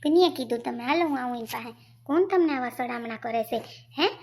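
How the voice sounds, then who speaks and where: A scolding, quick-tempered village wife, played by a woman in a comic sketch, speaking. Her voice sits high and carries a gravelly edge. She nags in rapid complaints. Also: darkish tone, a little hiss or hum. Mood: angry. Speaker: actor in a village comedy sketch.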